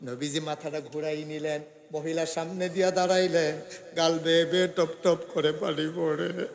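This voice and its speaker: A man preaching a waz sermon, chanting melodically and swelling from soft murmurs into loud, stretched, high cries. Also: fairly even intonation, normal speed, gravelly. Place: outdoor religious gathering.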